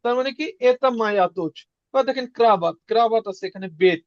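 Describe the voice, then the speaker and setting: A man teaching a casual beginner lesson, repeating words slowly for learners. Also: sits high, dry recording, muffled recording. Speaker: Russian language teacher.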